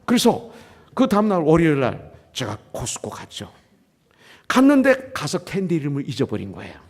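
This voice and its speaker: A middle-aged male pastor tells a story from the pulpit, acting out the dialogue and dropping in English phrases. His voice sits a little high and is gravelly, with lively swings in pitch. A long church-hall reverb trails every line. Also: moderate pace. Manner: mixes English phrases into the talk. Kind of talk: sermon. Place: church sanctuary.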